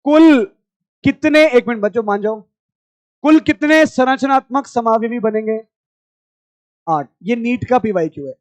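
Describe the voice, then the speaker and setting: High-voiced male teacher shouting in class. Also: animated, a little slow, long pauses, no room sound. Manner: loud, scolding and coaxing students. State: strained throat. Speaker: chemistry teacher. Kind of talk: classroom lecture.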